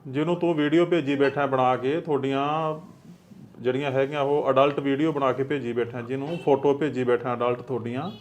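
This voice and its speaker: A man's voice: medium pitch, fairly even intonation, fairly quick, slight background noise, close to an everyday voice. A middle-aged man playing a stern, protective village headman who scolds in a firm, fatherly way. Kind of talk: acted village drama dialogue.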